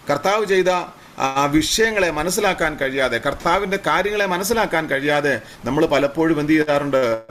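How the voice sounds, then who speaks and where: A man preaching a sermon as pastor, rising on emphatic lines and dropping to low muttered praise asides. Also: fairly bright tone, slight background noise.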